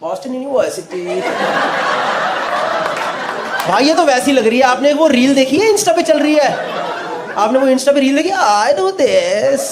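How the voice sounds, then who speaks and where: A male stand-up comedian, doing quick, teasing crowd work that mixes Hindi and English. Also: very high voice. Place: live comedy venue with laughing audience. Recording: loud crowd laughter and noise.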